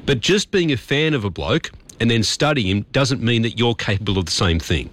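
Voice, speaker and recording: A man's voice: medium pitch, expressive, brisk, a bit bright. An Australian man hosting talkback radio, giving assertive commentary and reading news.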